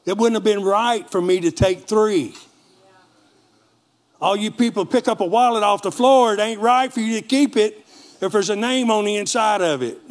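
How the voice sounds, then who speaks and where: A man preaching a lively sermon in a church with a Texan accent, calling for amens from the congregation. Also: sits high, moderate pace. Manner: animated preaching with call-and-response. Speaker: pastor.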